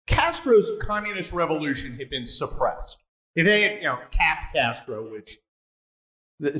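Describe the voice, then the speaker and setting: Male host for a casual interview; bright, pushy, provocative delivery with lots of restarts. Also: fairly high pitch, poor audio. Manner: blunt, provocative, rambling with restarts. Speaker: podcast host.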